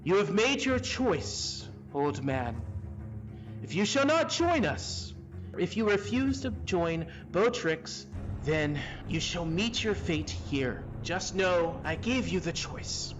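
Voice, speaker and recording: Guy doing a soft calm villain sorcerer, stern, slow and measured, music behind. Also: sits high, muffled recording, full character voice. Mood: cold.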